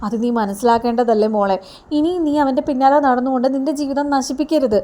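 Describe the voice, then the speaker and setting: A woman's voice: high voice, fairly even intonation, quick pace, mellow, lightly acted. A woman voicing a worried middle-aged mother pleading with her daughter to give up on a man. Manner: pleading, lecturing.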